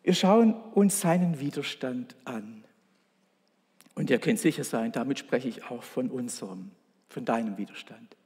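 A man's voice: medium pitch, expressive, a little slow, a little mellow, husky, big-room sound. A man preaching a sermon, earnest and storytelling, speaking directly to his congregation.

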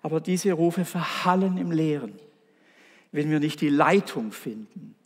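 A man's voice: fairly high pitch, a little slow, slightly rough, big-room sound. A man preaching a sermon, earnest and storytelling, speaking directly to his congregation.

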